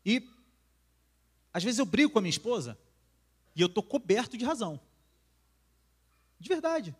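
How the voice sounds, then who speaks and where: Brazilian male preacher, casual sermon voice, slightly high pitch, chatty then tender. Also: big pitch swings, normal speed, slightly rough. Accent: Brazilian Portuguese. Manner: conversational, acts out quarrels, drops to soft intimate tone. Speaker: singer preaching at church. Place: church.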